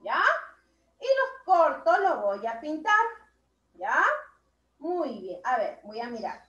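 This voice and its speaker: A woman's voice: sits high, big pitch swings, echoey room, highs cut off. A woman teacher giving an online class to young children, drawing out her words and praising each child. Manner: slow, drawn-out words, warmly praising children. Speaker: primary school teacher.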